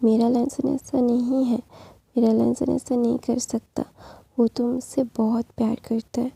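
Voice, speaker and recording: A woman's voice: a little high, little pitch movement, measured pace, creaky, mellow, breathy edge, no room sound, exaggerated voice. A woman voicing a scheming, deluded young woman in whispered role-play, insistent and clinging.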